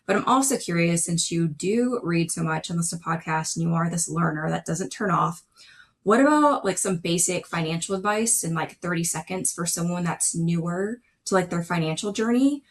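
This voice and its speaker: A woman's voice: lowish voice, animated, moderate pace. A woman co-hosting a podcast, asking long, rambling questions in a chatty way full of fillers. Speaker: podcast co-host. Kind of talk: casual interview conversation.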